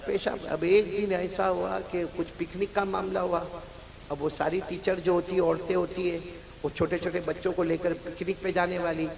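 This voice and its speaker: A man's voice: high-pitched, vocal fry, in a large hall. A man preacher, telling a story and rousing a large gathering into call-and-response. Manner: animated, rousing the crowd to chant back. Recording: live crowd sounds.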